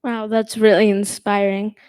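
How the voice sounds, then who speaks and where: A woman moderator who reads a formal introduction and asks questions in an earnest, admiring, slightly halting way. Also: mid-range voice, level tone, darkish tone, clear, resonant tone. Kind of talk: reading an introduction, then asking interview questions.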